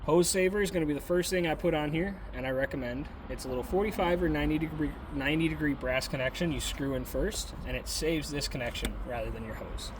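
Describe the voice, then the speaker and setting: Man, RV walkthrough, step-by-step explanations, slightly high voice, outdoors, noticeable background noise. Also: fast talker, hardly any pauses. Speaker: RV dealer giving a walkthrough. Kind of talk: casual instructional walkthrough. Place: outdoors beside an RV.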